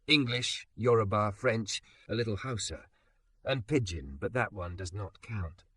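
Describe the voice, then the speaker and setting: A man voicing a soft-spoken patient immigrant. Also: on the low side, no room sound. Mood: gentle. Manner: soft, gentle, measured. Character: calm patient immigrant man, gently teasing.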